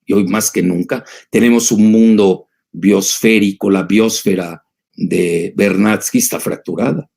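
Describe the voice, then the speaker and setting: Gravelly, husky man lecturing with emphasis. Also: on the low side, measured pace, darkish tone. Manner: digressive, emphatic, many filler sounds. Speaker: geopolitical analyst answering audience questions. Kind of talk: lecture-style talk.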